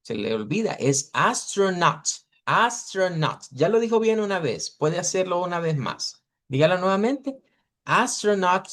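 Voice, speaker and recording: A man teaching an English pronunciation class over a video call, patiently repeating model words slowly for his students. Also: high voice, big pitch swings, fairly bright tone. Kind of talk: online class correcting students.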